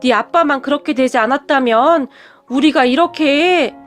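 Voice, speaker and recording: A woman voicing a pleading, destitute middle-aged birth mother who speaks slowly and begs. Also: sits high, faint music behind, natural voice. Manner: pleading, slow and drawn out.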